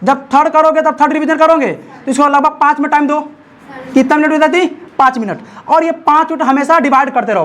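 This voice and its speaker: A man teaching a classroom science lesson, constantly prompting his students to answer back. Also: extremely high pitch. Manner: call-and-response, keeps prompting students to answer.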